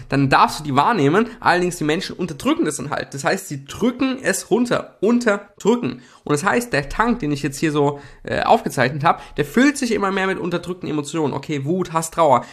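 Slangy young man explaining while drawing. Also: on the high side. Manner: relaxed, slangy, many fillers and repetitions. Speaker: self-help video host. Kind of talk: casual explanatory talk while drawing slides.

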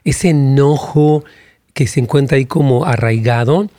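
Mellow-voiced pastor host. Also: male voice, mid-range voice, normal speed, dry recording, clean studio sound. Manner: supportive interjections, preachy asides. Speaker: pastor hosting the interview.

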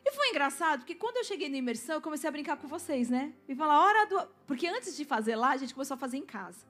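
A woman's voice: high voice, animated, rapid-fire, fairly bright tone, soft background music. A woman pastor, preaching a sermon and telling a personal testimony, drawing the congregation in with questions. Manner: storytelling, asks the congregation to respond.

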